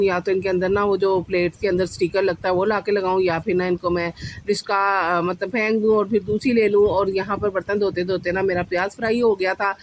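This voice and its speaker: A woman's voice: mid-range voice, a little hiss or hum. Woman home-cooking vlogger, chatty and rambling, talks straight to viewers from her kitchen. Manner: chatty, addresses viewers as "janab", many fillers. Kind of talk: casual cooking vlog narration.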